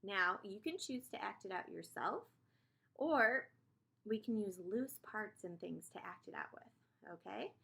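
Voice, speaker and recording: A woman preschool teacher leading young children through a morning lesson, speaking in a measured, encouraging way as if teaching a child to count. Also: medium pitch, expressive, vocal fry, bright, forceful tone.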